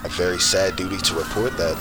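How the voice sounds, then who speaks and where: A man's voice: deep voice, fairly even intonation, fast, over music, close to an everyday voice. A man playing an emotional, faltering newscaster on a broadcast within an audio drama. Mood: grave. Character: distraught male newscaster breaking down on air.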